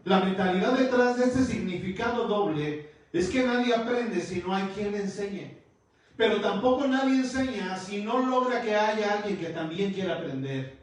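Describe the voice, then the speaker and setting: A pastor with a high, expressive voice preaches a sermon at a moderate pace in a church hall, teaching and addressing his listeners as brother. The recording is echoey and far from the mic.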